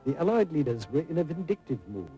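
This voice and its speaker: Animated male documentary narrator over music. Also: on the high side, fast, lo-fi sound. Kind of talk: scripted historical documentary narration. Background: prominent music.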